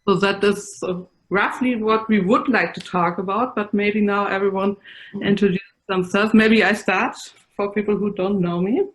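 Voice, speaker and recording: Woman, German accent, session chair, video call, earnest explanation, mid pitch. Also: steady tone, moderate pace, low-quality recording. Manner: earnest, explanatory, with small restarts. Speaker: session chair, research professor. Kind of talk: online meeting presentation.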